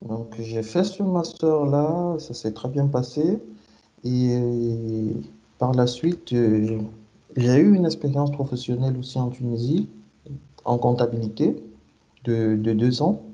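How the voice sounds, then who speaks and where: A Cameroonian man in his thirties, a guest who works as an SAP consultant, answers interview questions about his career. His mid-range, dark-toned voice moves slowly and hesitantly, full of fillers and restarts, and the audio is lo-fi.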